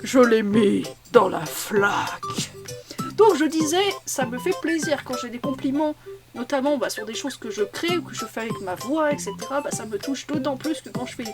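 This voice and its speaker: A woman's voice: high voice, fairly quick, music in the background. A tired woman voice actor chatting casually over her gameplay, rambling and self-mocking, with stammered restarts. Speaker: voice actor and content creator.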